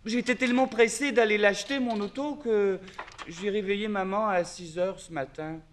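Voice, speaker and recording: A giddy little boy bubbling over with joy about his new toy, giggling as he talks, played by a man on a stage. The voice sits very high, with a faint hiss under it. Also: fairly even intonation, moderate pace, lightly acted. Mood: overjoyed. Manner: gushing, giggly, breathless delight. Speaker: stage actor. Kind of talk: children's theatre acting. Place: theatre stage.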